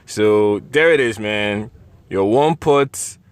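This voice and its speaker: A man's voice: on the low side, slow, clear, resonant tone, no echo. A man giving a casual, jokey cooking voice-over in a playful, goofy way, often repeating his phrases. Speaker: cooking video narrator. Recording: loud guitar music behind voice. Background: loud plucked guitar music.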